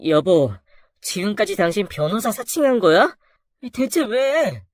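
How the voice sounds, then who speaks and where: A storyteller voicing a wife who confronts her husband, raising the voice high and urgent. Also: big pitch swings, measured pace, no room sound, studio quality. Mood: indignant. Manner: urgent, indignant. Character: shocked, betrayed wife.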